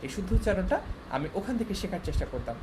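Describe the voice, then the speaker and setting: A man's voice: high voice, very animated, very fast, noisy background. A young man teaching a class, explaining step by step and often checking that his students follow. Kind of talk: online class lecture.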